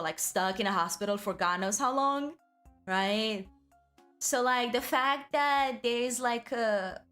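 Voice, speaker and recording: A woman with a fairly high voice streams in a cute anime streamer manner. She chats casually and rambles through her asides with an excitable streak. Music plays behind her. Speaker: VTuber livestream host. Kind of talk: casual livestream chat.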